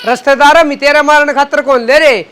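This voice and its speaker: Man as insistent villager, Haryanvi accent, piercingly high, sharp, challenging, comedy acting. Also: steady tone, normal speed, slight background noise. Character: pushy village man pressing a relative to keep his promise. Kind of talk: rural comedy skit acting.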